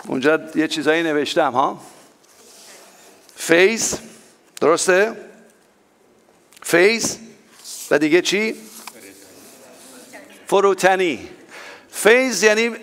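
Man preaching with sudden loud-soft swings. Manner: emphatic preaching with sudden rises and drops in pitch and loudness; repeats phrases rhythmically for emphasis. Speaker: pastor. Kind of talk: sermon.

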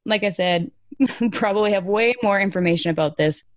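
A woman's voice: medium pitch, moderate pace, no room sound, studio quality. A woman hosting a podcast, talking through news in an informal, emphatic, conversational way. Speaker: podcast host. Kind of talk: casual conversational news commentary.

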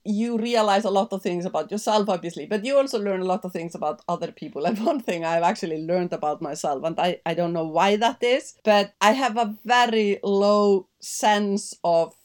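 Guest, middle-aged Icelandic woman, mid-range voice, thoughtful, halting delivery. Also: medium pitch, darkish tone. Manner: thoughtful, hesitant with frequent fillers and restarts. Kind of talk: podcast interview conversation.

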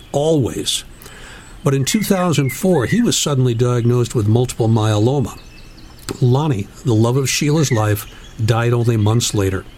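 A man reading a written tribute aloud as narrator, in a measured, solemn storytelling manner. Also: medium pitch, a little mellow, a little hiss or hum.

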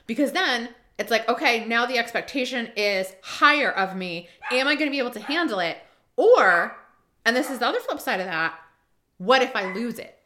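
Bright-voiced woman podcast host from Rhode Island. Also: on the high side, expressive, normal speed, slight background noise. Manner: emphatic, repeats key lines, riffs with many asides. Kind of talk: casual podcast monologue.

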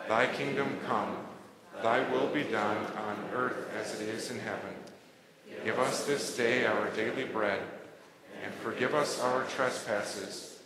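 A pastor leads his congregation through prayer and the words of communion in a solemn, measured cadence. His bright voice carries through a large church sanctuary and rings with cathedral echo and a long reverb tail. Faint room ambience sits underneath. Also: medium pitch, slight background noise. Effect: cathedral-like echo from a large church hall.

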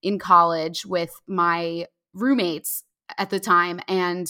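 An American woman from New Jersey with a loud Valley Girl voice, chatting and telling anecdotes as a podcast guest. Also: on the low side, flat delivery, takes it slowly. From New Jersey, United States. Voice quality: loud, carrying voice. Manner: chatty Valley Girl delivery, emphatic, with many "like"s. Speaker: podcast guest, writer and comedian. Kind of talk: casual chat, telling anecdotes.

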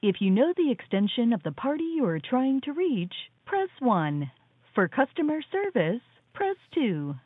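A woman's voice: on the high side, sing-song, measured pace, husky, no echo. A woman reading scripted automated phone menu prompts in a formal, instructive manner. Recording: tinny narrow phone line.

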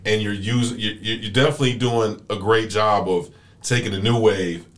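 A man's voice: lowish voice, steady tone, moderate pace, a bit bright. A man hosting a casual interview, asking loose, rambling questions with repeated words. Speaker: interview host.

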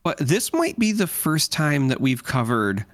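A man co-hosting a podcast about a card game, talking in a relaxed, casual way. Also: a little high, unhurried, no echo, studio quality. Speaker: podcast co-host. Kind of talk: casual chat.

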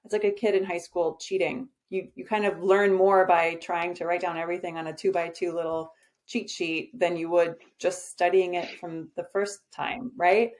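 Lowish and darkish in tone, with little rise and fall, this woman talks at a normal speed. She's a podcast guest and agency owner chatting casually, directly and confidently about her business, with frequent "um" fillers.

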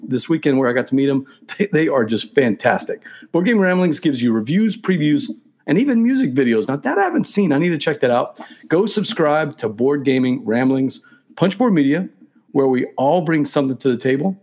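A man's voice: on the high side, expressive, a little fast, darkish tone. A man hosting a live talk show in a chatty, casual style, speaking straight to his viewers.

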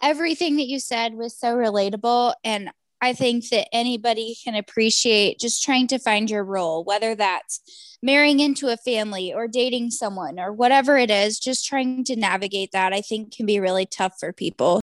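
Affirming woman co-host, higher voice. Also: normal speed, no echo, rough recording. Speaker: podcast co-host. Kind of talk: casual interview chat.

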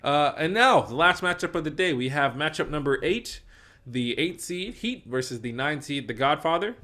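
A man's voice: a little high, expressive, normal speed, bright, forceful tone. A man co-hosting a casual movie podcast, rambling and swearing freely as he weighs up films. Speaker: podcast co-host. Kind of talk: casual movie bracket chat.

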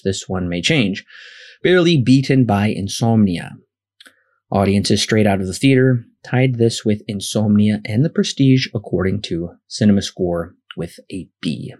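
Male podcast host, lowish pitch, delivering scripted film trivia, stats and rankings in an orderly, methodical read. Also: lively intonation, moderate pace, darkish tone. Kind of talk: scripted film-facts narration.

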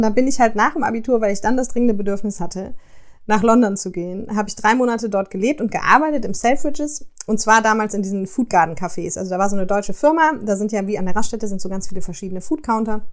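A woman hosting a podcast, telling personal stories in a chatty, expressive way and speaking directly to her listeners. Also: medium pitch. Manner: chatty, expressive, addresses listeners warmly as "ihr Lieben". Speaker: podcast host. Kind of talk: casual personal storytelling.

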